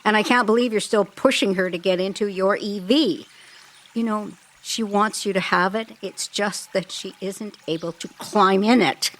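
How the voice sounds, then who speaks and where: A woman's voice: medium pitch, normal speed, a bit bright. A woman speaking earnestly about a family matter, sounding incredulous. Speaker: daughter recounting events.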